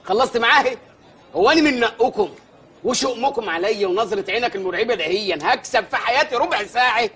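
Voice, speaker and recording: A shrill, rapid-fire village mayor. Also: male voice, lively intonation, a bit bright, a little hiss or hum. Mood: mocking. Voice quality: high-pitched, rapid-fire. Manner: boastful, sarcastic, frantic. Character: excitable blustering male village mayor, comic. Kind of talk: comic sketch acting.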